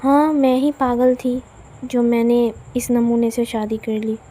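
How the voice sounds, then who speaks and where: A woman voicing a sharp-tongued young wife who answers with soft, wry retorts in a storybook tale. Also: on the high side, flat delivery, a little slow.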